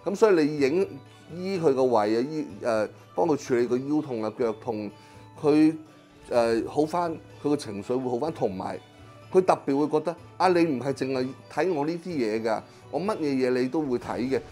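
Speaking from a small clinic consulting room, this middle-aged Chinese medicine practitioner with a Hong Kong Cantonese accent explains his work in an interview. He is animated, with a dark, mid-range voice, and he keeps pausing with drawn-out fillers while faint music plays behind him.

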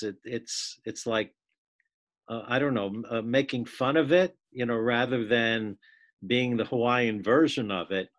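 A man taking part in a class on a video call, reading a poem aloud and then discussing it in a casual, halting way. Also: medium pitch, fairly bright tone. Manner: unhurried, restarts words, laughs while reading.

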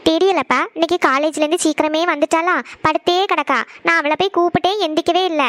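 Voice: extremely high pitch, fairly even intonation, fast, fairly bright tone, no echo. A performer voicing a curious young girl who keeps asking her parents questions, eager and talkative.

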